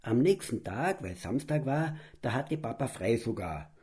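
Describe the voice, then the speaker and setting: Animated man reading a rhyming storybook. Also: medium pitch, unhurried. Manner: sing-song, animated. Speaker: audiobook narrator.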